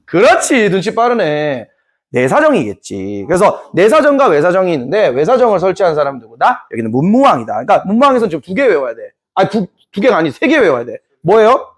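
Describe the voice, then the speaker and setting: A man's voice: sits high, huge pitch swings, quick pace. A man teaching a history class in a playful, joking way, acting out scenes. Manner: playful, jokey, acts out scenes. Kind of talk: lively classroom lecture.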